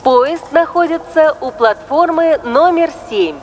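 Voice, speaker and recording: A woman reading formal train station announcements in a measured, even, official manner. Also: sits high, a little hiss or hum. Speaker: station announcer in a listening exercise.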